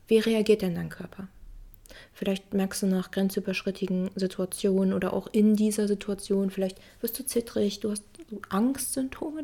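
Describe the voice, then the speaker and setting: Eine Frau, die als Podcast-Gastgeberin locker über das Setzen von Grenzen spricht, Sätze wiederholt und Beispiele vorspielt. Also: female voice, mid-range voice, gravelly, mellow. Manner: conversational, repeats phrases, acts out examples. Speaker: podcast host. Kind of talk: casual self-help monologue.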